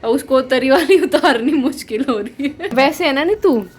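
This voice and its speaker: A woman's voice: high-pitched, expressive, moderate pace, darkish tone. A young woman chatting casually in a family vlog, teasing and laughing often as she films around her home. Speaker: vlogger.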